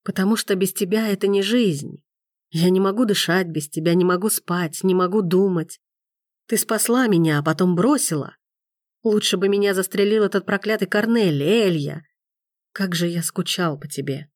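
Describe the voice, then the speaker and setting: A woman's voice: normal speed, no room sound, studio quality, lightly acted. A woman reading the lines of a bitter, insistent man who turns tender. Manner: low, insistent, softly tender. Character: man, intense, bitter, then tender lover.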